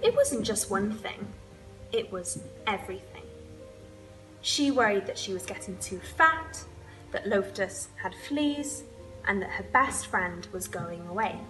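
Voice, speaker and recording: A young adult woman storyteller expressively reads a children's picture book indoors, in a room with a wood-panelled wall and a sofa. Her mid-range voice keeps a measured pace over music, and the audio quality is poor.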